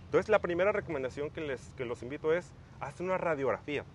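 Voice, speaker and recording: A man's voice: fairly high pitch, animated, quick pace, slight background noise. A young man hosting a casual podcast, thinking aloud with frequent restarts and fillers. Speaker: podcast host.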